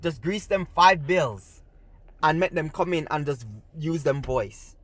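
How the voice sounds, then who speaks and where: Here a man with a Jamaican accent rants on his own gaming channel, talking straight to camera in a casual, heated, rambling style full of restarts. His voice is on the high side and he goes a little slowly.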